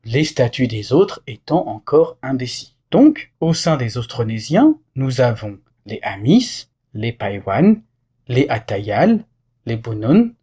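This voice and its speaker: A man delivers a scripted French lesson, carefully explaining words and reading example sentences. His voice is a little husky. His pitch rises and falls with lively movement. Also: slow pace. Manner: clear, didactic explanation with example phrases. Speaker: French teacher.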